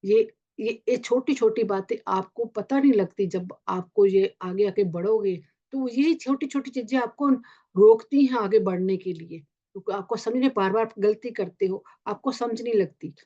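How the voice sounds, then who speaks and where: A woman's voice: mid-range voice, mellow. Woman doing a spiritual talk, stops and restarts a lot, kinda dull muffled audio. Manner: halting, with many restarts and Hindi-English mixing. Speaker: meditation guide. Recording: muffled lo-fi recording.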